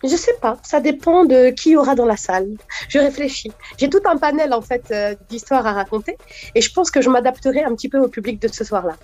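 A woman from France, a comedian, chatting lively in a radio interview. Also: high voice, brisk.

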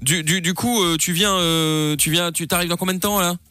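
A radio host playing a sleazy, pushy cousin on a prank call, hesitating and full of filler sounds. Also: male voice, high-pitched, steady tone, moderate pace, bright, forceful tone, smooth, faint music behind. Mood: smarmy. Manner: smarmy, hesitant, full of euh. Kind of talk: prank call role-play.

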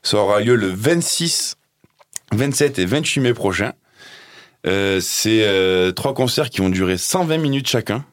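A man's voice: fairly low pitch, expressive, unhurried, no echo, studio quality. A man presenting music news on a casual radio show, chatty, with many fillers and restarts.

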